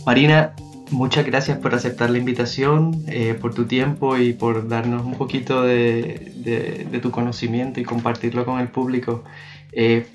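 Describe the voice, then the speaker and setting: A man hosting an interview podcast, asking questions in a halting way with lots of filler sounds. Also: mid-range voice, level tone, soft background music. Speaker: podcast host. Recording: dull lo-fi audio.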